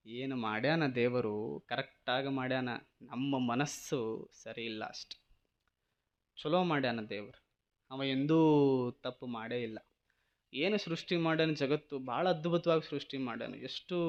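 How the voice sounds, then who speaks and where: North Karnataka preacher man, lively, lo-fi. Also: medium pitch. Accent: North Karnataka Kannada. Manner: lively, teasing rhetorical questions. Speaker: spiritual preacher. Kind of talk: storytelling sermon.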